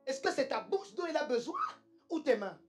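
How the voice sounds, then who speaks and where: High-voiced woman preaching emphatically. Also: sing-song, normal speed, a little mellow, faint music behind. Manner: emphatic, repeats lines for the congregation. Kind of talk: church sermon.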